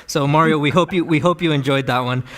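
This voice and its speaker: A man's voice: a little high, a bit bright. A man moderating a conference Q&A, reading out audience questions in a friendly way and reacting to the guest's answers. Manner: quick, friendly, reads out questions. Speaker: conference Q&A host.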